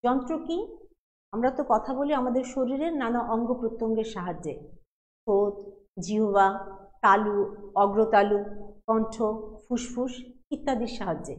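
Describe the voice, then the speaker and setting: A woman's voice: a little high, moderate pace, pauses often. A middle-aged woman college teacher giving a patient classroom lecture, explaining step by step and asking questions she then answers. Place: classroom with a board. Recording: long hall reverb.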